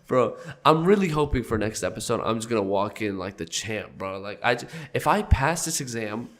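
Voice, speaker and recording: In a mid-range voice at a normal pace, a young male podcast host comes across animated. A cold has him congested and slightly nasal, yet he keeps joking casually, coughing every so often.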